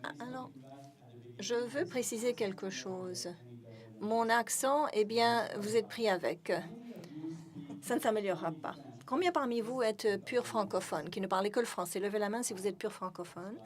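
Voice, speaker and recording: A woman's voice: mid-range voice, normal speed. A woman giving live interpretation of a speech, with frequent hesitations and self-corrections. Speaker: simultaneous interpreter.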